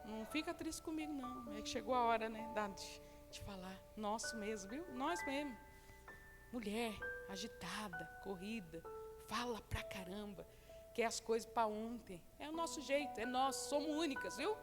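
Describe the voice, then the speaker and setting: High-voiced Brazilian woman preaching in a church. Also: expressive, normal speed. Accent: Brazilian Portuguese, São Paulo state. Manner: swings from soft and low to loud, emphatic exhortation. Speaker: pastor. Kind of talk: sermon. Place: church hall. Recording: long hall reverb, faint music behind.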